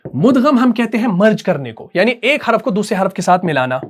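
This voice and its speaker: A man teaching Quran recitation. He talks patiently and repeats himself, slows down to dictate terms, and keeps asking whether the point is clear. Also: sits high, big pitch swings. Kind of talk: dictated classroom lesson.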